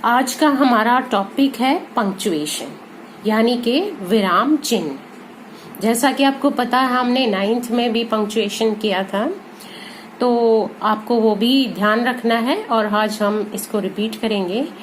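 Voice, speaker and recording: A woman with a Hindi accent teaching an English lesson to students, explaining slowly and repeating key terms. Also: fairly high pitch, slight background noise, poor audio. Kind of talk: classroom lesson.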